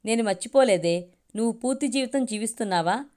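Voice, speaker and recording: A woman's voice: fairly high pitch, quick pace, mellow, natural voice. A woman voicing a worried middle-aged mother who scolds her grown children in a storybook reading. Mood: pleading.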